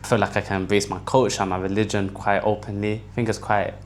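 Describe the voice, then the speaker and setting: A man's voice: fairly low pitch, flat delivery, fast talker, a little hiss or hum. A twenty-year-old man, giving candid, reflective interview answers.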